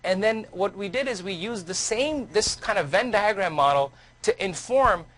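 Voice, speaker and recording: A man's voice: sits high, animated, normal speed, a bit bright. Man giving a chatty surgical lecture. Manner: conversational, storytelling, frequent restarts. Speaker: surgeon and lecturer. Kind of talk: academic lecture with personal anecdotes.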